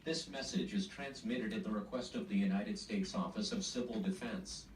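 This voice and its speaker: A computer-processed male voice reading an emergency broadcast alert in a flat, scripted way, played from a television in a home. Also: on the low side, moderate pace, far from the mic, slight background noise. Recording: echoey TV speaker heard from across the room.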